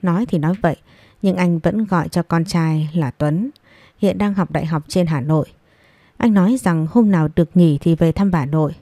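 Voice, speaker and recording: A woman reading a family story aloud in an even storytelling manner. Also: on the low side, no echo. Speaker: story narrator. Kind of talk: scripted narration.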